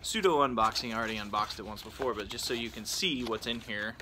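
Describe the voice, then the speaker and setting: Outdoors in a backyard on a rainy evening, a man who reviews products and vlogs chats informally about gear, rambling and cutting himself off. His voice is lowish and quick, with a noisy background.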